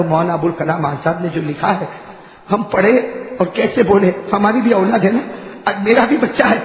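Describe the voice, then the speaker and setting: A man preacher giving an impassioned sermon, repeating phrases, asking the gathering questions and swinging from hushed tones to shouts. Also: high-pitched. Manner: asks the crowd questions and addresses them as dear ones. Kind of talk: Muharram sermon. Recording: echoey hall reverb.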